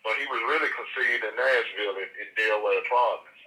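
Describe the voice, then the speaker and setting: A man's voice: lowish voice, fast, sharp tone. A man, speaking on a prison phone call and telling his story in a rambling way with many fillers. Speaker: incarcerated interviewee. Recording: distant tinny prison phone line.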